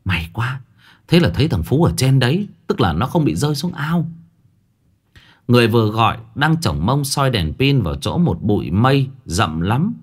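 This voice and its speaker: A man narrating a ghost story in an expressive storytelling manner. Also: mid-range voice, moderate pace, breathy edge.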